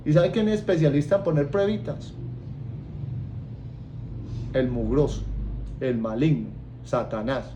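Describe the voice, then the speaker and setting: With a Colombian Spanish accent, a man preaches a sermon at a medium pitch, unhurried and pausing often, with slight noise in the background. He is animated, joking with his congregation and acting out different voices.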